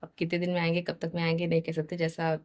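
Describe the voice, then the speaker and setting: Low, flat-voiced woman vlogging. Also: rapid-fire. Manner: chatty, mixes English into Hindi. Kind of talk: casual family vlog.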